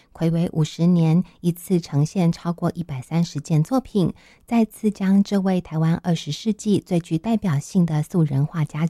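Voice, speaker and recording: A woman's voice: on the low side, dark tone, dry recording, studio quality. A woman with a Taiwanese Mandarin accent reading scripted news introductions as a formal radio anchor.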